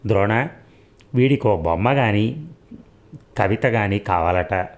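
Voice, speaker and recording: A man's voice: fairly low pitch, expressive, takes it slowly. A man voicing a friendly young male college friend in an audiobook story.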